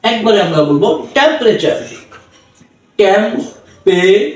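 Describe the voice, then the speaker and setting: A man tutoring English pronunciation, slowly spelling out words syllable by syllable. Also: high voice, distant mic. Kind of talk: pronunciation lesson. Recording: echoey room, voice from away from the mic, faint background noise.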